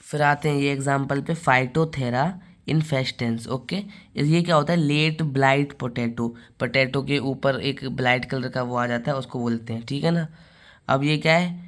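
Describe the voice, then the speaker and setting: A man giving a biology lecture, asking rhetorical questions and repeating key terms slowly. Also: mid-range voice, a bit bright. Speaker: biology teacher. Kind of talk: classroom lecture.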